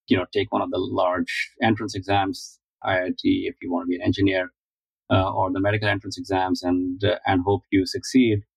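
A man in his forties from India speaks in a low, unhurried voice, pausing often with fillers as he answers. The recording is close and dry, with no room sound. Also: creaky, breathy edge, dry recording, rough recording. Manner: measured, thoughtful, many uh fillers. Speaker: guest, finance founder. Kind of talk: interview answers.

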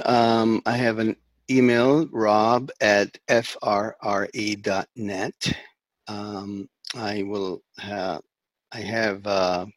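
A middle-aged man raised in the Dominican Republic, a therapist talking as a guest in a conversational interview, halting with many fillers and restarts. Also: fairly low pitch, no room sound.

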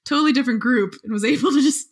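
A woman archaeologist telling a story in casual podcast chat, lively and often laughing. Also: high-pitched, very fast.

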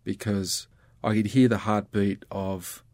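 Earnest Australian man, low voice. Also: little pitch movement, slow pace, darkish tone, no room sound. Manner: earnest, reflective. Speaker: guest, ministry worker. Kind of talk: casual conversation.

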